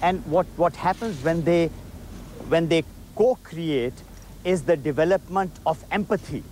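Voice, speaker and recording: Middle-aged man guest, mellow and a bit high, earnest with fillers. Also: unhurried, rough recording. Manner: earnest, with many fillers like "you know". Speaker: festival founder, interview guest. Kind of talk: live TV interview. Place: outdoors on a park lawn. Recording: faint outdoor background noise.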